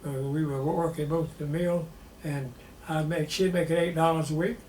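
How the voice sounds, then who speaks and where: A Southern war veteran in his nineties, with a high-pitched male voice that is steady and darkish, reminisces during an interview. He is plainspoken and halting as he remembers. The recording has a roomy echo and faint background noise.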